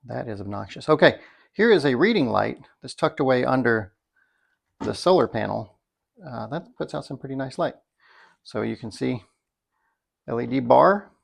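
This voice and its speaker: During a product demonstration, a reviewer talks through things casually and without a script, thinking aloud. His medium-pitched voice carries lots of gravelly fry, and his manner is folksy with a dry, wry streak.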